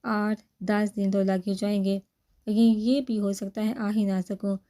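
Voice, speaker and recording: A woman's voice: medium pitch, little pitch movement, warm tone, close to an everyday voice. A woman voicing a young male police officer who teases his wife in a storybook reading. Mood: teasing.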